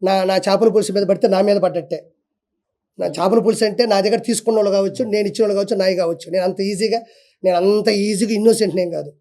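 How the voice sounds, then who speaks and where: A man's voice: sits high, fairly even intonation, racing, warm tone. A man giving a defiant, heated rant as an interview guest, hammering his points with repetition. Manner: fiery, defiant, repeats for emphasis.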